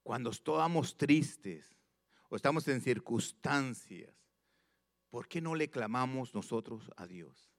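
A man preaching a sermon, reading scripture slowly and with emphasis, repeating phrases and putting questions straight to his listeners. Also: mid-range voice. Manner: addresses listeners directly with questions.

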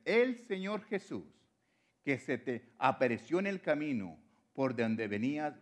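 A man preaching a sermon, moving between loud exhortation and quiet, low drops.

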